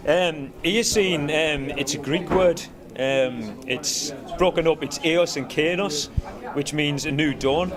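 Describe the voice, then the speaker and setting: Speaking slowly in a fairly high voice, a Cumbrian band musician rambles through a relaxed interview and keeps saying "you know." Busy chatter from a live event's crowd fills the background.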